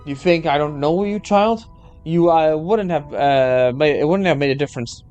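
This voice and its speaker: A man voicing a stern, self-critical female knight mentor in a game story, admonishing and halting. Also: on the high side, darkish tone, clean tone, muffled recording, soft background music, lightly acted. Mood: stern, reproachful. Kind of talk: game story read aloud.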